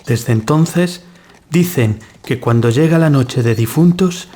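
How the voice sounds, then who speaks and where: A man plays a young nobleman and huntsman in a gothic audio tale, speaking in a middle-pitched voice with a grave, courtly, declamatory manner, much like a formal storyteller. He takes his time, his natural voice warm in tone, the mood one of solemn storytelling.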